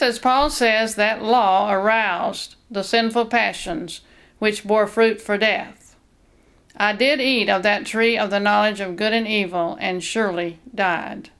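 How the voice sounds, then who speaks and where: A woman giving a measured, earnest Bible teaching, reading scripture passages aloud in a steady devotional style. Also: mid-range voice, vocal fry.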